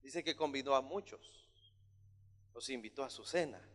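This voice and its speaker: A man preaching a sermon as pastor, emphatic and at times shouting. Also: mid-range voice, moderate pace. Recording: long hall reverb.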